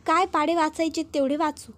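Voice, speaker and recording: A woman's voice: high voice, steady tone, brisk, fairly bright tone. A woman voicing a boastful, ruthless older man who talks suspiciously and brags.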